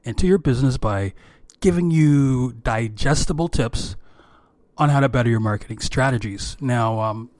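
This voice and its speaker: A man hosting an informal solo podcast of business tips in a strained, worn voice, speaking haltingly and often repeating words. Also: medium pitch, a little mellow, no room sound. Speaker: podcast host, creative director.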